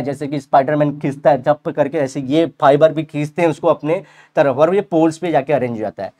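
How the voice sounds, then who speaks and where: A man teaching a biology revision lecture, explaining in Hindi with English terms, reading textbook lines slowly and asking the class questions. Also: fairly high pitch, warm tone. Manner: playful analogies, asks the class rhetorical questions.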